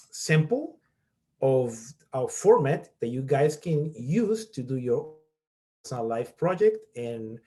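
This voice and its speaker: A middle-aged Peruvian professor presents an online workshop in a mid-range, slightly mellow voice. He goes through each step in turn and regularly checks in with listeners by saying "okay?".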